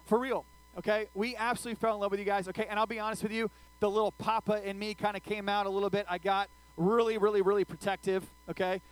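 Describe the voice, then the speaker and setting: With poor audio capturing his high-sitting voice, a youth pastor, an adult older than his teen listeners, gives an informal sermon. He tells humorous stories about himself, acting out his own screaming, and checks in with the group after nearly every sentence.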